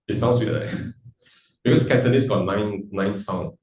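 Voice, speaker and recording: A man with a lowish, steady, slightly slow and mellow voice serves as event host for a casual Q&A in an event hall. He's chatty, jokes around, and moves between languages, captured with a roomy sound far from the mic.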